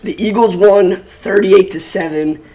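A man's voice: high-pitched, a little slow, mellow. A man co-hosting a sports podcast with a sore, fading voice, brash and boastful. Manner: brash, boastful fan talk. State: sore throat, losing his voice. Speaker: podcast co-host. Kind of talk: casual sports podcast chat.

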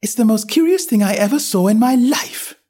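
A man's voice: high voice, animated, a little fast, warm tone, pitched above the performer's own voice. A man doing Alice, a prim curious girl. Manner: raised, questioning, prim tone. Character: curious, polite young girl, earnest.

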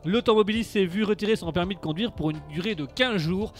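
A man's voice: high-pitched, fast, faint music behind. A man hosting live radio, chatting through the news in a rambling, sarcastic way, full of fillers and restarts. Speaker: radio host.

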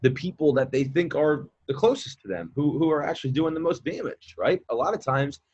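Guesting on a laid-back podcast, this late-twenties mindset coach rambles, repeating words and filling gaps with fillers. His voice is on the high side yet darkish and husky, expressive and brisk, heard through lo-fi audio.

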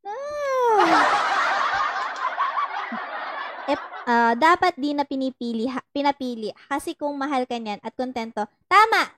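A woman's voice: sits high, animated, a little fast, hardly any pauses, very noisy. A young Filipino woman hosting a casual advice talk, teasing and laughing often as she mixes in English. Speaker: podcast host giving love advice.

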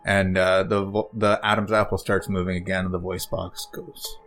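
A man with a very deep voice narrates a tabletop role-playing scene as game master. He pauses often and restarts his sentences. Soft music plays faintly behind him. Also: level tone. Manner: halting, full of fillers and restarts.

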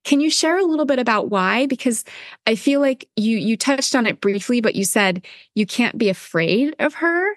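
An earnest, expressive woman co-hosting a podcast, with a fairly high voice. She talks casually and often slips into acted-out quotes. The sound is dry and close. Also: moderate pace, dry recording. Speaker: podcast co-host. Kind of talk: casual conversational talk.

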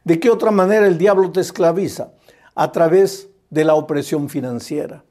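Earnest male pastor, mellow voice. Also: a little high, moderate pace. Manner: earnest preaching with quoted dialogue and rhetorical questions. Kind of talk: sermon.

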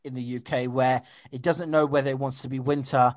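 A man's voice: medium pitch, little pitch movement, a little fast, no room sound, clean studio sound. A man hosting a casual podcast, chatty and upbeat with lots of fillers. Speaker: podcast host.

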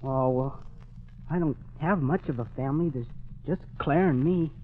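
A man's voice: a little high, normal speed, a little hiss or hum, close to an everyday voice. An actor playing a plucky, polite, self-assured teenage office boy in 1940s radio style, earnest and chirpy. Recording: dull vintage radio recording.

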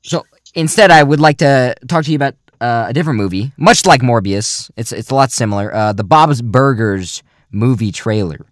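A man's voice: mid-range voice, moderate pace, no room sound. Rambling young man, dry close mic. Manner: mock-serious, rambling, trails off quietly. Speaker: podcast host. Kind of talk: casual goofy podcast chat.

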